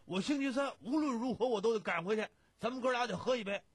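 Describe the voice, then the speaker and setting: A man reading a story aloud, voicing a boisterous middle-aged man who shouts excitedly down the phone. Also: very high-pitched, fast, breathy edge, no room sound, pitched above the performer's own voice. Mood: loud, insistent.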